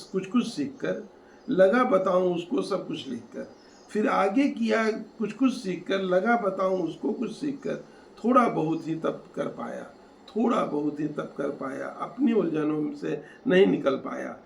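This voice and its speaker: A man reciting his own poem, repeating each line and growing loud and emotional. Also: high voice, animated, unhurried, gravelly, slight background noise. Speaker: poet. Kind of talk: poetry recitation. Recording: echoey room, faint ambience.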